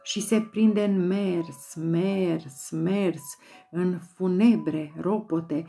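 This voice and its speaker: A woman's voice: lowish voice, fairly even intonation, gravelly. A woman giving a dramatic, rhythmic poetry recitation, chanting repeated words in an incantatory way. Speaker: volunteer poetry reader. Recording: soft music bed behind voice.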